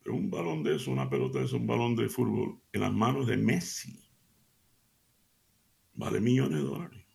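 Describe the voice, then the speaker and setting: A middle-aged man hosting a radio devotional, telling an anecdote in an animated way and speaking to his listeners as family. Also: normal speed, vocal fry, pauses often. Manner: addresses listeners warmly as family; animated storytelling, pitch jumps up for emphasis. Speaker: radio show host.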